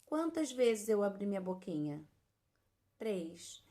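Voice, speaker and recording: Woman teacher for a kids' lesson: unhurried, breaks words into slow syllables, keeps checking the kids are with her. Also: medium pitch, sing-song, warm tone. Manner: affectionate diminutives, checks in often. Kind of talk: children's lesson.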